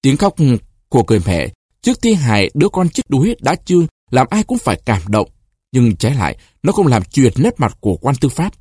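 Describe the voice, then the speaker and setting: A man narrating a short story in an expressive, deliberate reading. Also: medium pitch, breathy edge, no echo, clean studio sound.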